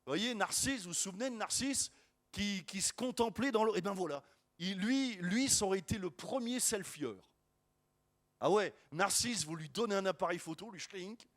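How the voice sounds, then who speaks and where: A man preaching a sermon as a pastor, lively and joking, with many restarts and asides to the congregation. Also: high voice, normal speed.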